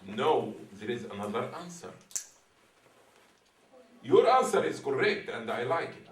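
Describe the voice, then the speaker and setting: An Egyptian imam with a medium-pitched, very animated voice opens with a formal sermon, then talks casually with a live audience in a hall, speaking at a measured pace. He is playful and teasing and asks riddles. The echoey room makes his voice sound far off, with slight background noise.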